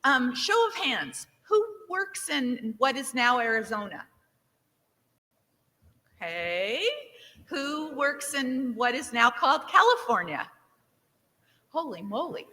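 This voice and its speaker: In a reverberant large conference hall, a woman director from Nevada gives lively, upbeat welcome remarks, asking the audience for shows of hands and cheering their answers. Her voice is high-pitched and slow, with frequent pauses.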